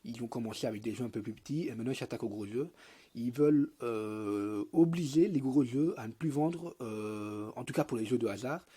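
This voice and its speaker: Young male gamer, lisping and stuffed-up, muted husky tone, casual rambling tutorial. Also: medium pitch, fairly quick, warm tone. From Belgium. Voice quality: lisp. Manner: rambling, slangy, hesitant. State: congested with a cold. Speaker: mobile game YouTuber.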